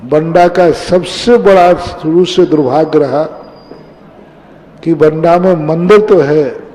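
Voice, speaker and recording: A man giving a sermon as a Jain monk, measured and repeating phrases for emphasis. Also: on the high side, dark tone. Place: temple hall with a gathered audience. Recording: long reverb of a hall with a crowd.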